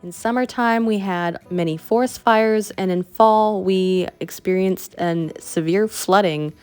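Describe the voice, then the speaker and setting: A woman's voice: medium pitch, unhurried, darkish tone, smooth, faint music behind. A woman with a Canadian accent, explaining a craft project step by step in a friendly, chatty way. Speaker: craft instructor. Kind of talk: tutorial voice-over.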